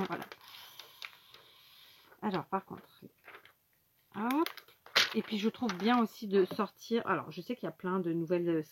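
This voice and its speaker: A woman talks viewers through a craft project at a relaxed, ordinary pitch, stopping often for fillers and side remarks. She speaks straight to her audience as she works. A faint hiss sits under her voice. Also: a little slow, pauses often. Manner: chatty, explains while working, many fillers and asides. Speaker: craft tutorial host. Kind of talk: casual crafting tutorial.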